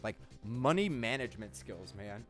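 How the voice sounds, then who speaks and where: A man's voice: on the low side, expressive, moderate pace, soft background music. A young man co-hosting a casual chat over a video game, rambling and leaning hard on "like". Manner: rambling, heavy use of "like". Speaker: co-host playing a video game.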